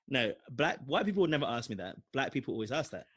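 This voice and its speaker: A young man from London, mid-range voice slightly rough and quick-paced, talks in a London accent. On a podcast he co-hosts, he rambles through a long personal story with animated energy and plenty of fillers during casual chat.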